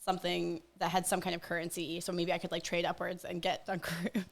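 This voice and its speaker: A woman's voice: fairly low pitch, level tone, fairly quick, vocal fry. A woman talking as a guest on a casual podcast, her sentences looping through filler words. She laughs often and wanders from point to point in an easygoing chat.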